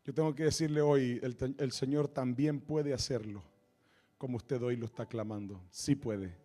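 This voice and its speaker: A man's voice: mid-range voice, normal speed, mellow. A man preaching a sermon as pastor, emphatic and repetitive, often acting out the voices of people he quotes. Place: church sanctuary.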